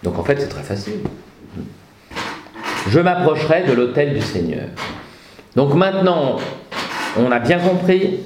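A man's voice: a little high, big pitch swings, a little slow, long pauses, noisy background. A man teaching a Latin grammar lesson in a classroom, patient and lightly humorous, reciting declensions in rhythmic repetition. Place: classroom with students present. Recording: roomy classroom echo.

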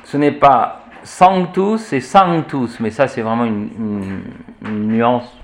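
Slow, measured male pronunciation teacher. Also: lowish voice, a little hiss or hum. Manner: spells out letters and repeats example words slowly, with frequent fillers. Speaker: teacher of church Latin pronunciation. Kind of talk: classroom lesson.

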